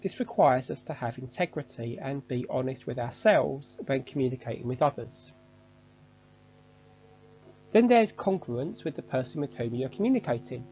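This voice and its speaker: A man giving a measured, structured, scripted online lesson as a course instructor. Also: mid-range voice, lively intonation, warm tone, lo-fi sound, soft background music.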